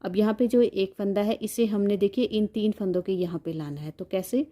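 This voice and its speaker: A woman's voice: mid-range voice, moderate pace, mellow. A woman giving a step-by-step knitting tutorial, patiently counting stitches aloud and repeating each instruction.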